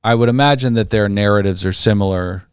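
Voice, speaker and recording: A man's voice: lowish voice, fast, clean tone, dry recording, studio quality. A man co-hosting a podcast, teasing and sarcastic in casual banter. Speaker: podcast co-host.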